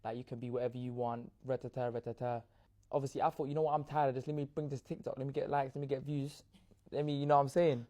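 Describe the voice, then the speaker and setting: Man, mellow voice, mid pitch, candid, animated interviewee. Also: quick pace. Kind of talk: casual interview.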